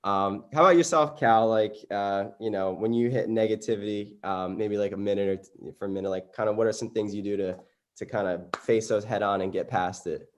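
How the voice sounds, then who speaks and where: Guy hosting a video call, lowish voice, chill and encouraging. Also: steady tone, fairly quick. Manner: affirming, easygoing questions with fillers. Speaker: host.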